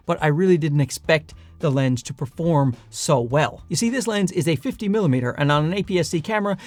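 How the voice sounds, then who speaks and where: A man's voice: fairly high pitch, no echo. A man with a light, leprechaun-like voice gives a chatty, enthusiastic product review with dry, self-deprecating asides. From Newfoundland, Canada. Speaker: camera gear reviewer. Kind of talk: casual product review to camera.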